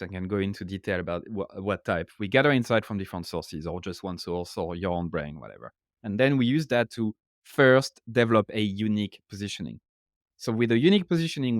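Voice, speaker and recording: As a guest on a podcast, this French author talks in a casual interview style, explaining ideas in accented, non-native English and tossing in "right?" again and again. He has a lowish male voice, captured in a studio-quality recording with no room sound.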